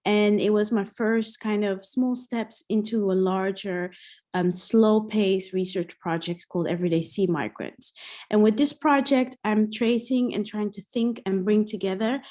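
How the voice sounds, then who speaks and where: Here the same Egyptian-born, Netherlands-raised Somali diaspora researcher speaks in a medium-pitched, dark-toned voice. Heard over a video call, she delivers her online talk partly from notes, haltingly and full of fillers.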